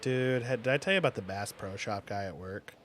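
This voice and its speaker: Low-voiced young man telling rambling stories. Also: brisk, a bit bright, a little hiss or hum. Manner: rambling profane storyteller, many fillers. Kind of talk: casual chat.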